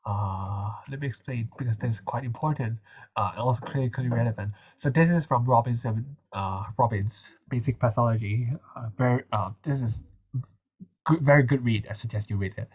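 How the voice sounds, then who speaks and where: A man's voice: mid-range voice, fairly quick, husky. Young man tutoring with a nasal voice. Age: young adult. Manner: chatty, hesitant, many fillers. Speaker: medical student tutor. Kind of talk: casual revision session walkthrough.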